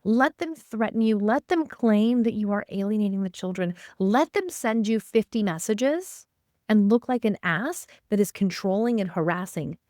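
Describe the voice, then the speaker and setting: A woman coaching on an interview podcast, pressing her points hard and repeating phrases for emphasis. Her voice sits at a middle pitch. It is recorded close and dry, with no room around it. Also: lively intonation, normal speed, a little mellow, dry recording. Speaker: custody strategist and co-parenting coach, guest. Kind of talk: podcast interview, casual chat.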